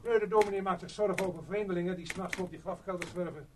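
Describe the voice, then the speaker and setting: An actor dubbing a stern police sergeant who questions in a probing way. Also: male voice, high voice, fast talker, background noise, natural voice. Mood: casual. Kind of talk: dubbed film acting.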